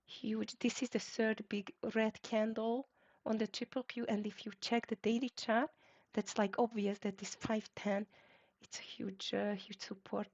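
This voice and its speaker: Hosting a live trading stream, a woman with a Hungarian accent calls out stock tickers in clipped bursts and uses fillers. Her voice is a little high and a little mellow, and the stream audio is dull and lo-fi.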